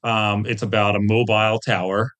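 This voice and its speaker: Speaking at normal speed in a low-ish, flat, slightly bright voice, this man is a guest in a casual interview. He's a tabletop game designer and webcomic artist who rambles through self-deprecating stories peppered with jokey asides.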